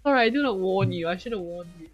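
A woman's voice: on the low side, fairly quick, lo-fi sound, faint music behind. A woman streamer chatting and teasing her teammates while gaming, laughing often. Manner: giggly, teasing. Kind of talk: casual gaming chat.

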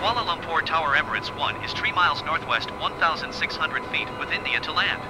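A man's voice: fairly high pitch, brisk. A male airline pilot making clipped, formal radio calls to air traffic control through his cockpit headset. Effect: pilot's voice over a cockpit headset radio. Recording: dull lo-fi cockpit audio with loud aircraft noise. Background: loud aircraft engine noise.

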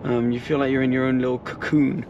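A young adult man vlogs his travels to a handheld action camera held at arm's length, in a car and outdoors, with car and road noise behind him. Chatty and upbeat, he talks fast in a mid-range, level tone that drops at the ends of phrases, and the recording is muffled.

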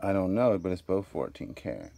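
A man's voice: sits low, very animated, fairly quick, creaky, mellow. A man giving upbeat running commentary while sorting and pricing items in a storage unit, filmed outdoors on a handheld phone. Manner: upbeat, appraising items aloud with prices. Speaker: storage auction vlogger.

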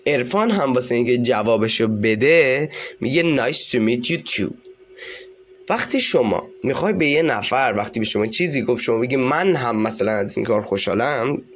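A man teaching a school English lesson with an Iranian Persian accent. He reads the English phrases slowly, then translates and explains them. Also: mid-range voice, lively intonation. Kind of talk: textbook lesson walkthrough.

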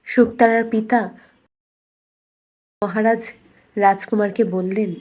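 Narrating a cartoon fairy tale from a script, a woman uses a measured storybook style. Her medium-pitched voice is steady and somewhat dark in tone.

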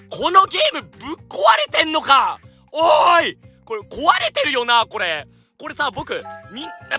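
A man giving energetic, jokey let's-play commentary with loud outbursts. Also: high voice. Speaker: gaming YouTuber.

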